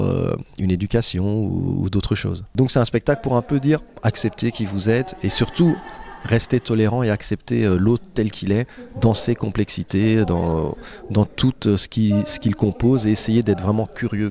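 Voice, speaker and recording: A man's voice: lowish voice, gravelly, mellow. A man, an actor and playwright, talking thoughtfully in an interview with frequent hesitations. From Lebanese-born family, raised in Guinea. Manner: thoughtful, hesitant with many fillers. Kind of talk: casual interview.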